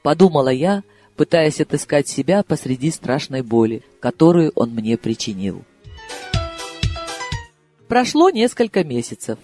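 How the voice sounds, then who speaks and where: A man reading a novel aloud in expressive first-person narration. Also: on the high side. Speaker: audiobook reader. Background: soft background music.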